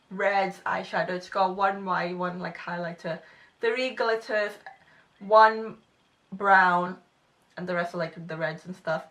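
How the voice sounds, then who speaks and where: A woman's voice: mid-range voice, a bit bright, distant mic. A woman in her twenties with a slight lisp, reviewing makeup in a chatty, self-deprecating way. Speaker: beauty vlogger. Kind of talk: casual product review.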